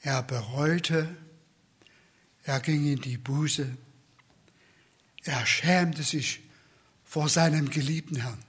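Slow, husky-voiced man preaching. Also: a little high. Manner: slow, earnest, soft whispered questions. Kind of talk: sermon.

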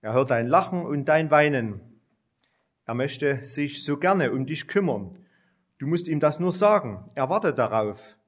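A man voicing a kind woman kindergarten teacher who speaks calmly and comfortingly in a children's storybook reading. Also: a little high, measured pace. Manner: calm, comforting.

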